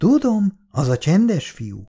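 A reader voicing Irén, a nervous young wife who answers sharply and defensively in a storybook reading. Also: female voice, on the low side, big pitch swings, dark tone, breathy edge, voice pushed up, heavily acted.

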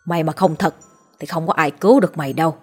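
A woman voicing a stern older male village sorcerer who lectures in a gruff, rough-spoken way. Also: deep voice, fast talker, a little mellow, faint music behind. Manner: gruff, lecturing, uses rough familiar address.

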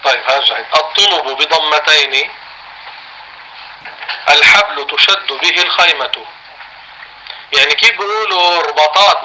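A man with a Levantine Arabic accent giving a religious lesson in class. He reads a text slowly, explains it in everyday words and asks his students questions. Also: a little high, pushed and bright, rough recording. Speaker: religious teacher.

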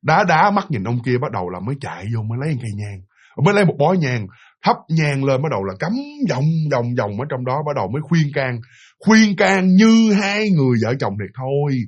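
A man's voice: mid-range voice, big pitch swings, brisk, slightly rough, highs cut off. A man with a Southern Vietnamese accent telling a ghost story in a chatty way, repeating words and talking to listeners. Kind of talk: casual spoken ghost story.

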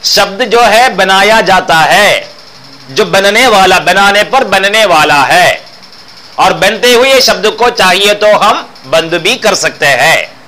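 Male philosophy teacher, high bright voice, explains by repeating phrases and posing questions. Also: lively intonation, slow pace, low-quality recording. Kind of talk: explanatory discourse lecture.

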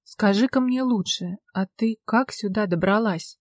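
A woman voicing a young, blunt but good-natured village policeman with folksy, steady talk. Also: mid-range voice, a little slow, no room sound, studio quality, natural voice. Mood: calm questioning. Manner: plain-spoken folksy talk, calm and steady.

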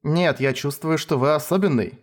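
A man reading a story, putting on a haughty young noblewoman, a count's daughter who is quick to anger. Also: lightly acted. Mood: earnest. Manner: raised pitch, indignant and shrill when angry.

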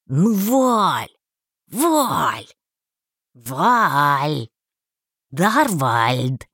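A woman voicing a hot-tempered young man in an audiobook, loud and indignant. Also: low-pitched, big pitch swings, drawn-out words, husky, dry recording, clean studio sound, pitched below the performer's own voice, heavily acted. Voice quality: shouting, indignant.

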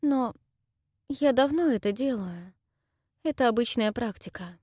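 A woman's voice: fairly high pitch, lively intonation, a little slow, a little mellow, dry recording, clean studio sound, pitched above the performer's own voice. A woman doing a timid, tearful young widow. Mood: confessing. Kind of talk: audiobook character voice.

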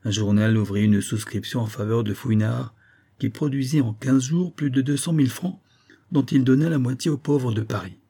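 Male audiobook reader, dark and husky, steady expressive narration. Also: mid-range voice, normal speed. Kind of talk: scripted narration.

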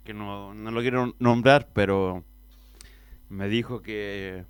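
A man chatting on a community radio show, hesitant and halting. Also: fairly low pitch, steady tone, clear, resonant tone, dry recording. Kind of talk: casual chat.

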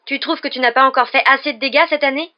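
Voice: medium pitch, quick pace, highs cut off, pitched above the performer's own voice, lightly acted. A reader voicing a hot-tempered teenage boy wizard in a raised, heated voice. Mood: furious.

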